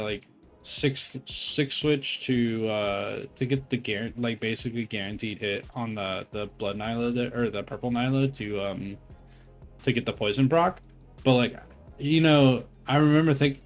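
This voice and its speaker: A young man talks over his gameplay footage in a loose, rambling way, full of filler words, restarts and swearing. His voice sits at an ordinary middle pitch and sounds slightly phlegmy from eating while he talks. Faint music plays behind him. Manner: rambling, profane, heavy on filler words and self-corrections. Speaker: gamer reviewing his own raid footage. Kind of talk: casual gameplay commentary.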